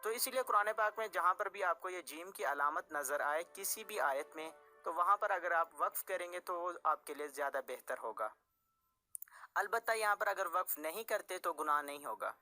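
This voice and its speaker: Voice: mid-range voice, animated, moderate pace, bright, forceful tone, faint music behind. A Quran recitation teacher, patiently explaining tajweed rules and restating each point several ways.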